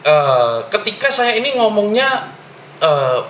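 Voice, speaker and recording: A middle-aged man, a parent, explaining advice in a conversational way with frequent pauses and fillers. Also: sits high, sing-song, fairly bright tone, slight background noise. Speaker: parent guest sharing advice. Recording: echoey room.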